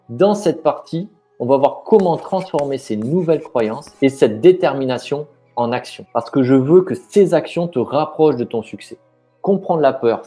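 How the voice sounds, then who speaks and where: Addressing the viewer directly, a man in a coaching video offers business mindset advice in a casual, supportive style. His mid-range voice has a dark tone, and his speech includes fillers and sentences he starts over.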